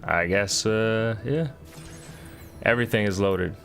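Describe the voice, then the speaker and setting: A low-voiced man gives casual commentary as he plays a game. He thinks aloud in slangy phrases, with music clearly audible behind him. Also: takes it slowly, a bit bright. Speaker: gaming video host.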